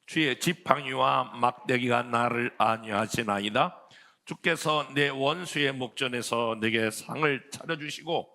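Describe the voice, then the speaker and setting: A pastor giving a sermon, reading scripture in a measured way. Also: male voice, medium pitch, sharp tone. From Seoul. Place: church sanctuary.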